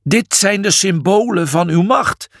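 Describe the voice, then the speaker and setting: A man voicing a haughty, pompous old priest who speaks slowly and indignantly. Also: high voice, animated, a bit bright, dry recording, clean studio sound, pitched above the performer's own voice, exaggerated voice. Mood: solemn.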